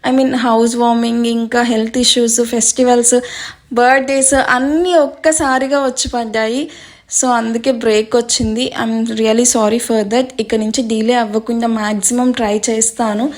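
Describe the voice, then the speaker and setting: A woman narrating a serialized love story as host of a storytelling channel, expressive in her reading and chatty in her sign-off. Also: a little high, normal speed.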